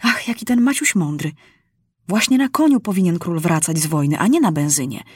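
A woman's voice: fairly low pitch, expressive, brisk, slightly rough, no room sound, clean studio sound. A woman voicing a fussy male master of ceremonies, gushing with delight in a storybook reading. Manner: gushing, exclaiming.

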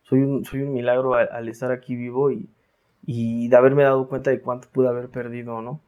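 A man's voice: medium pitch, level tone, a little fast, muffled recording. A Mexican man talking casually as an interview guest, slangy, with many restarts and tag questions. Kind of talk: casual reflective interview talk.

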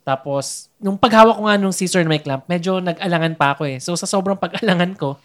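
A man's voice: high-pitched, fairly quick, a bit bright. A young man in casual chat, recounting a birth as a meandering storyteller who searches for his words. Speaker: new father recounting a birth.

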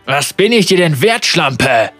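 A man reading aloud and voicing a suspicious, hot-tempered tattooed pirate, strained and forceful. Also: a little high, very animated, unhurried, no room sound, faint music behind, full character voice. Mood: hostile. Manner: angry, then pleading.

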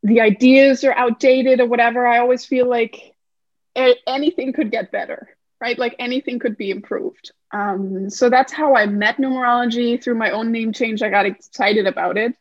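A woman from Denmark speaks as a podcast guest, explaining her work in a thoughtful, searching way. Her voice is a touch high, recorded dry and somewhat dull, like a lo-fi home mic. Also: fairly even intonation, normal speed, no echo. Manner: thoughtful, explanatory, many fillers. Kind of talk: podcast interview.

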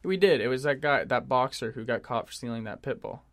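Animated young man, casual podcast chat. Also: medium pitch, brisk. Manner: animated, swearing, laughing often. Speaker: podcast co-host.

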